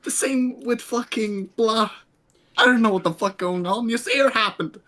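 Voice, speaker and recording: A woman playing a tabletop game, chatting casually in a profane, halting, exasperated way. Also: a little high, a bit bright.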